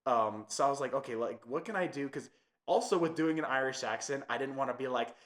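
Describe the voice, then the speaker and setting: A man's voice: mid-range voice, a little fast, fairly bright tone. A young man hosting a podcast, chatting casually with lots of fillers. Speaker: podcast host. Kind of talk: casual chat.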